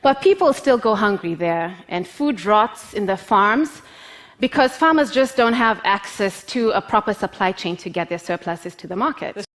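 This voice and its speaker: Woman, public talk, earnest and measured, medium pitch. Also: expressive. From Kenya. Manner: earnest, measured, with facts and figures. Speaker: speaker.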